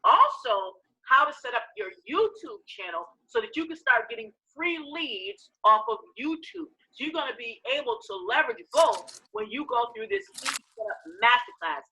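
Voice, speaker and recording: Woman, sales trainer, live pitch presentation, bright forceful tone, higher pitch, emphatic, repetitive, frequent check-in questions. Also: animated, moderate pace, hardly any pauses, slight background noise, low-quality recording.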